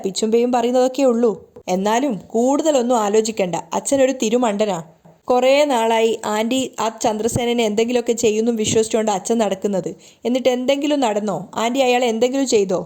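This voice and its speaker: A woman's voice: a little high, fast talker, warm tone, lightly acted. A woman reading the lines of a mocking, sarcastic young wife in a TV serial recap. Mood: taunting. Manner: taunting, sarcastic. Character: mocking young woman taunting her husband.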